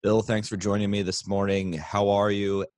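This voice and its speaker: A man's voice: fairly low pitch, level tone, normal speed, a little mellow, no room sound, studio quality. A man hosting a motorsport podcast, welcoming a guest and asking friendly, conversational questions. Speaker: podcast host. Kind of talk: casual interview hosting.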